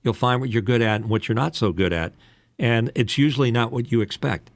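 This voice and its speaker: In a fairly quick, mid-range voice on a dry recording, this late-sixties voice-over announcer and podcast host talks casually like a coach, explaining voice-over candidly and at rambling length.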